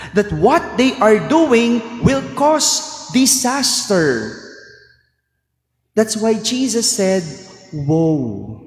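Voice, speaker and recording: Slow, echoing Filipino priest. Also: male voice, sits high. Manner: deliberate, repeats phrases, quizzes the congregation. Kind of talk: homily and liturgical gospel reading. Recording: echoey church hall with long reverb.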